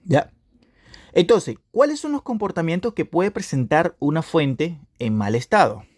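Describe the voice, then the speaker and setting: A man's voice: fairly high pitch, lively intonation, unhurried, a little mellow. A man teaching a video class on repairing electronics, repeating points and checking with his students as he goes. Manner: repetitive, asks "¿ya?" to check understanding.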